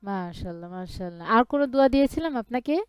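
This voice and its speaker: A woman's voice: fairly high pitch, expressive, fast, smooth, no room sound, studio quality. A woman teaching Quran reading in an online lesson, patiently spelling out each syllable and having the student repeat after her.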